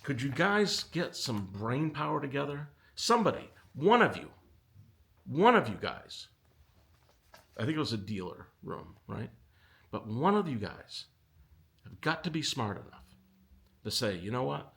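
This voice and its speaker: A middle-aged man hosting a casual commentary video, talking with animated exasperation that pushes his pitch up. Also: a little slow, vocal fry, pauses often. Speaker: audio company owner and video host.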